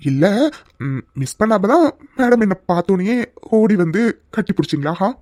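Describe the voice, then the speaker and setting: A man voicing a protective young man who is deeply in love and speaks in an insistent, pleading way in a cartoon dub. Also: animated, normal speed, a little mellow, dry recording, clean studio sound.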